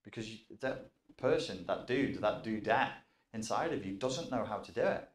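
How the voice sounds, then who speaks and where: A man's voice: lowish voice, lively intonation, moderate pace. A man giving an informal self-help lecture in a casual, self-aware way, joking and swearing now and then. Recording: roomy echoing sound.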